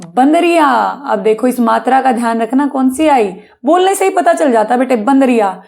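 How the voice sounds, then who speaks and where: Woman, teacher, patient grammar lesson for kids, high voice, gravelly edge. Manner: patient, addresses pupils as beta, asks and answers own questions. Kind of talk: Hindi grammar lesson for children.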